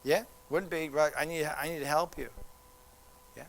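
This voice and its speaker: Brief: male presenter, lively and playful, slightly high voice, faint hiss behind. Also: moderate pace, creaky. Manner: animated, teasing, acts out quoted voices. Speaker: child development specialist. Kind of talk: presentation to parents.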